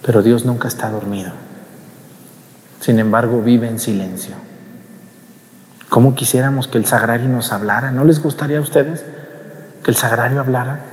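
A man's voice: mid-range voice, moderate pace, long pauses. A man preaching a homily, talking conversationally, questioning the congregation and acting out scenes. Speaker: priest. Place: church. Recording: long church reverb.

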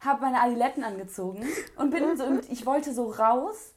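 A woman's voice: a little high, normal speed. A young woman in casual chat, telling a story with lots of acted-out quotes and laughter. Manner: animated storyteller, acts out quotes, laughs often.

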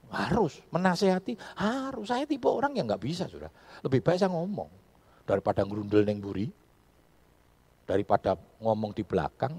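A male pastor preaching a sermon in an animated style, breaking into loud emphatic bursts. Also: medium pitch, creaky, breathy edge. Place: church.

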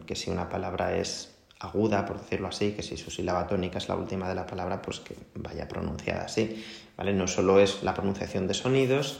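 A man's voice: on the low side, gravelly. A man with a Spain Spanish accent, an English teacher patiently explaining a lesson to his students, checking in often. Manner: patient, repeats "¿vale?" often. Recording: roomy echo.

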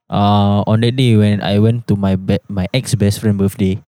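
A man's voice: on the low side, flat delivery, normal speed, warm tone, dry recording. A young man hosting a podcast in casual Singlish-style English mixed with Malay, with lah and ah particles and repeated phrases. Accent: Singaporean or Malaysian, Singlish-style. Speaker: podcast host.

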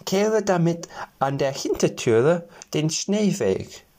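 Three little forest men from a fairy tale storybook, speaking slowly and solemnly in a noticeably higher voice, as a man reading aloud puts them on. They sound measured and grave, like small elders passing judgment. The tone stays unhurried throughout. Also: animated, darkish tone. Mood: kindly. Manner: slow, solemn gift-giving.

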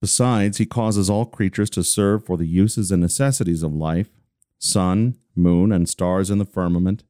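Deep-voiced man reading scripture calmly. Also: smooth, no room sound, studio quality. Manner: deliberate, steady, slowing on listed phrases. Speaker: reader of a devotional text. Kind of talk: measured reading of a religious catechism.

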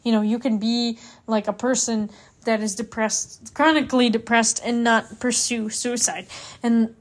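A woman's voice: a little high, little pitch movement, a little slow. A woman hosting a casual podcast, chatty and upbeat, dropping in Spanish words as she reads and reflects. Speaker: podcast host.

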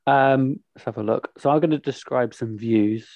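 A man's voice: medium pitch, moderate pace, creaky, a little mellow, no room sound. A young man hosting a podcast, chatting casually with many ums and asides. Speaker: podcast host. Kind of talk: casual chat.

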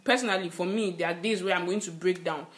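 A young woman with a Nigerian accent, co-hosting a podcast, speaking in a reflective, gently questioning way. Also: lowish voice, fast. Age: young adult. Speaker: podcast co-host. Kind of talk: casual conversation.

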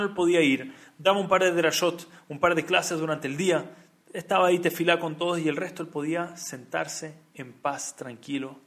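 Male Torah teacher, sermon storyteller; gravelly voice, emphatic repetitive delivery. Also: a little high, a bit bright.

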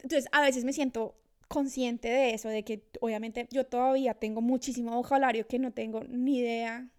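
High-voiced woman, chatty. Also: fairly even intonation, brisk, a little mellow, clear, resonant tone. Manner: chatty, self-reflective, many restarts. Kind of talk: casual conversation. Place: Australia.

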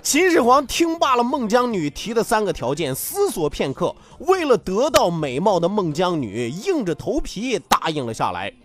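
A man hosting a radio show, telling a folk tale for laughs, chuckling and asking tag questions as he goes. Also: high voice. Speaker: radio host. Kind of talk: comic folk-tale storytelling.

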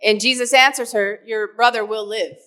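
Brief: female church interpreter, bright voice, a little high, works phrase by phrase. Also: steady tone, unhurried. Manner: interprets phrase by phrase, with small restarts. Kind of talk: live sermon interpreting.

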